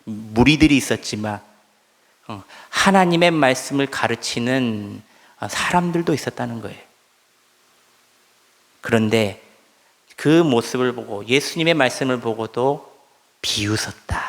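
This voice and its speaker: A man's voice: mid-range voice, lively intonation, measured pace, pauses often. A male pastor delivering an emphatic sermon, leading his congregation through call-and-response readings of scripture in a church sanctuary. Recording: long church hall reverb.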